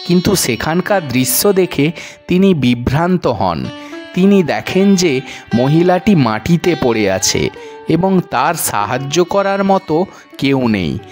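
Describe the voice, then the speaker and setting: Slow, measured male storyteller. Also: on the high side, darkish tone. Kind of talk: devotional story narration.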